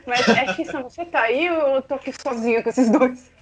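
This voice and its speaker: A woman with a Brazilian accent hosting a challenge show in an excited, casual, animated way with drawn-out announcements. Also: sits high. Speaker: host of a quiz challenge show. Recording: dull lo-fi sound, music behind.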